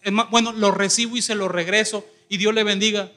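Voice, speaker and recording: Pastor guy telling a sermon story, does all the voices, highish voice. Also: fairly quick. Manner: animated, acts out quoted voices, laughs while telling.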